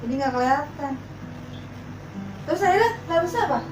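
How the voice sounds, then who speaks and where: A woman's voice: sits high, animated, brisk. A mother chatting sympathetically to her family, sighing often. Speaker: mother filming a family prank. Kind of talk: casual family chat. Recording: echoey room, distant mic, background noise.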